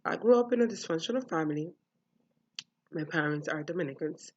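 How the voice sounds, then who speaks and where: A young adult vlogger from the US, animated and a little fast, speaks frankly to camera about growing up, swearing freely. Her voice is low and the audio dull in this candid monologue.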